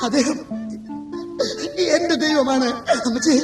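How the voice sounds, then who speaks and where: A man plays a young female dog in a stage story, begging and tearful in a high, thin voice. It is heard from a distance in a reverberant hall, with loud music behind. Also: slow pace. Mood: pleading. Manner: tearful pleading. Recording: echoey live stage from far, loud music.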